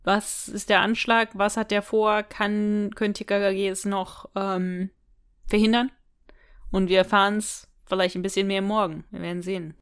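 A woman co-hosts a podcast, chatting casually as she recaps and discusses an audio drama and speculates aloud, often tacking on tag questions. Her voice is medium-pitched and clean, with a level tone and a moderate pace.

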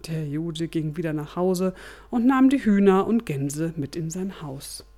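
A woman's voice: sits low, lively intonation, unhurried, warm tone. A woman hosting a motivation podcast, telling a parable as a story and addressing her listeners formally. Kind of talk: storytelling narration and sign-off.

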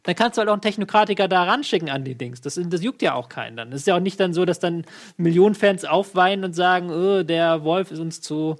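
High-voiced man arguing about football. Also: expressive, quick pace. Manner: argumentative, rambling with lots of fillers. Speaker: football pundit. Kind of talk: casual football chat.

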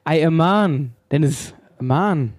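A man's voice: a little high, measured pace, a little mellow, dry recording, clean studio sound. A man chatting on a podcast, teasing the host and laughing often. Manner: teasing, laughs often, dialect-quiz presenter. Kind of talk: casual chat.

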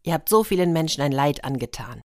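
A woman's voice: deep voice, animated, brisk, no room sound, clean studio sound. A woman voicing a clever, determined young shepherd boy in a fairy tale, speaking firmly.

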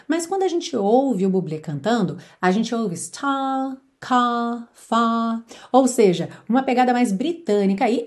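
A woman who speaks natively teaches English in a lively online lesson, energetic and sometimes singing lyric lines slowly to demonstrate them. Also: on the high side.

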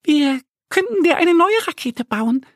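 A man voicing an eager, dreamy little girl duck in a children's story, high and childlike. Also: very animated, a little slow, a bit bright, no echo, studio quality, exaggerated voice.

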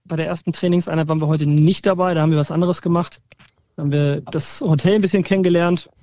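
A man speaks over the phone, calling in to report live. His voice sits fairly high, and the line sounds dull and dry. He talks in a relaxed, chatty way, with pauses and fillers as he describes things. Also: no echo. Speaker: fan blogger calling in from training camp.

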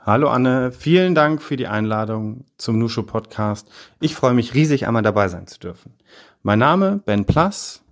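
Measured middle-aged man, many fillers. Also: mid-range voice, expressive. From Heidelberg, Germany. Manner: measured, hesitant with frequent fillers. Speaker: podcast guest, business consultant. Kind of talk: podcast interview.

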